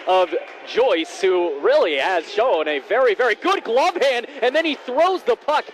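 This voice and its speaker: A man with a high-pitched voice gives live hockey play-by-play. He breaks into excited, raised calls when chances come. Faint rink noise sits behind him. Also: unhurried.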